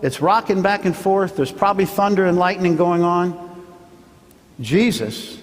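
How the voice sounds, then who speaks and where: A man, a pastor, preaching a sermon as he tells a story, now and then acting out the shouts of the people in it. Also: high-pitched, measured pace, long reverb tail. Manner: storytelling, acts out the fishermen's shouts. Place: church sanctuary.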